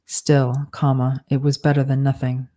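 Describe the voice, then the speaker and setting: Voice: mid-range voice, completely flat delivery, normal speed, dark tone. An author dictating a novel aloud, speaking each punctuation mark and saying "undo" to fix slips. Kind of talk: slow dictation with spoken punctuation.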